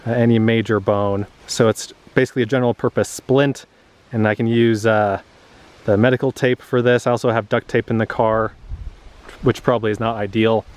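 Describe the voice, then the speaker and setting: A man in his thirties casually talking through the items he keeps in his car, with a relaxed, chatty delivery and frequent "uh" fillers, recorded outdoors in a grassy clearing. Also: fairly low pitch, brisk. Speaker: vlogger. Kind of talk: casual show-and-tell.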